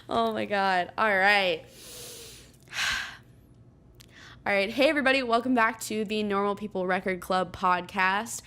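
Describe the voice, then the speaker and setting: A woman's voice: medium pitch, slow pace, pauses often, bright, forceful tone, smooth. A woman hosting a podcast in casual chat, playful and giggly. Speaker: podcast host.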